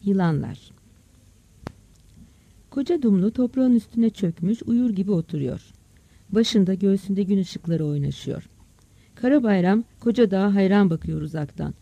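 A narrator reading a village story aloud as an audiobook in a steady storytelling manner. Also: medium pitch, moderate pace, creaky, pauses often, slightly rough, no room sound. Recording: dull, dry close recording.

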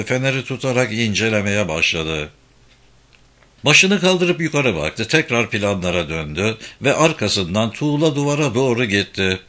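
Expressive male storyteller with a lively voice. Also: medium pitch. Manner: dramatic, expressive reading. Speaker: audiobook narrator. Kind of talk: scripted story narration.

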